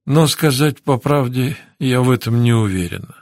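A man reading the lines of a weak, remorseful young woman in a hospital bed, speaking quietly and in a subdued, near-whispered way. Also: medium pitch, animated, normal speed, dry recording, studio quality, lightly acted. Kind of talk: audiobook character reading.

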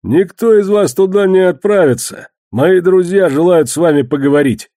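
A man reading an audiobook, voicing a menacing male moneylender who mocks and commands loudly. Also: mid-range voice, animated, unhurried, no room sound, clean studio sound, voice pushed up. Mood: threatening. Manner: loud, mocking, commanding.

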